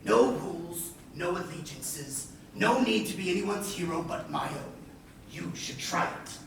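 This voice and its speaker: Grandiose, swooping pirate captain in echoey theatre. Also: male voice, high voice, animated, vocal fry, heavily acted. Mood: seductive. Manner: grandiose, wry, deliberate with swooping emphasis. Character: scheming theatrical male pirate captain, smug and menacing. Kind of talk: projected stage-play acting. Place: indoor playhouse stage. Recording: echoey theatre, far mic, faint noise.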